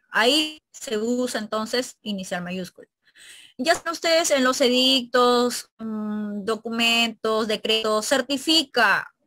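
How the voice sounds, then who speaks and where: A woman's voice: fairly high pitch, pushed and bright, no room sound, studio quality. A woman teacher with a Peruvian Spanish accent explains spelling rules step by step, often checking in with tag questions. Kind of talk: spelling lesson with examples.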